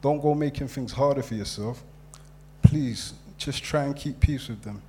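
Man voicing a worried mother, pleading, churchgoing, mellow warm tone. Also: medium pitch, normal speed, a little hiss or hum, lightly acted. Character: worried mother writing to jailed son. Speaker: reader of letters. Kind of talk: dramatic reading of letters.

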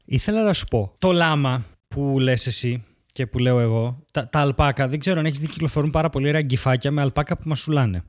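A man's voice: mid-range voice, dry recording, clean studio sound. A man co-hosting a casual comedy podcast, delivering absurd conspiracy jokes with a straight face. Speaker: podcast co-host.

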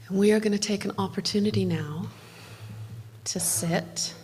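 A woman giving an earnest, reflective inspirational talk in measured phrases. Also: mid-range voice, fairly even intonation, a little mellow, long reverb tail, a little hiss or hum. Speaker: speaker leading a reflective gathering.

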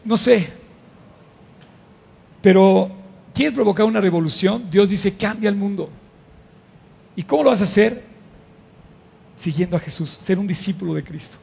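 A middle-aged man preaching a lively sermon to a live congregation, asking the crowd questions as he goes. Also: high-pitched, normal speed, vocal fry, pauses often, slightly rough, big-room sound. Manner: animated and conversational, addresses the audience with questions. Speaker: pastor.

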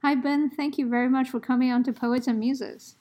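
A woman hosts a poetry podcast interview in a slightly high voice. She listens attentively, with soft murmurs, and asks questions gently. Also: fairly even intonation, a little fast. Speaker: podcast host.

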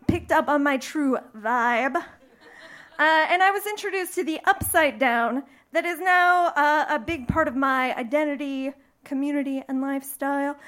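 With a high voice and a fairly bright tone, a young woman from the American Midwest performs a playful, bawdy story from her own life in front of a live audience. She keeps laughing as she delivers her lines.

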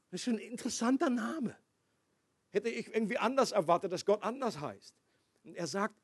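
A man's voice: sits high, a little mellow, husky, no echo, studio quality. A man preaching a sermon, explaining scripture in a conversational way with asides and restarts.

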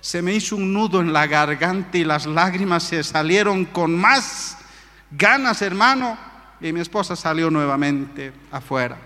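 A man's voice: fairly high pitch, bright, forceful tone. A man preaching a sermon in a church, telling a personal testimony with fervent, emotional storytelling. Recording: church hall reverb.

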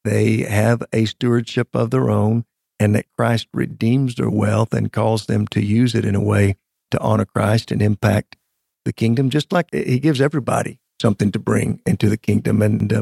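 A man explaining theology as a guest teacher, in measured phrases with emphatic pauses. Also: on the low side, level tone, vocal fry, mellow, slightly rough, no room sound, studio quality. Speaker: guest Bible scholar. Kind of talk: explanatory theological interview talk.

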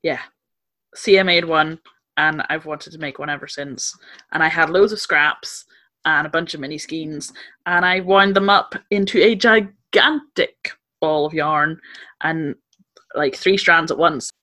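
A woman with a low but bright, forceful voice, talking on a video call from home. She chats in an easy, detailed way and is quick to laugh. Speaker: podcast co-host. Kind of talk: casual chat. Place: main room of a flat at night.

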